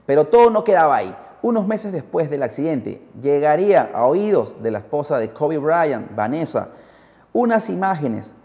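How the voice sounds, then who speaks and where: A very animated Peruvian podcast host tells a scripted story at a moderate pace, his warm voice pitched a little high. The audio is muffled, with reverb that sounds like a large hall.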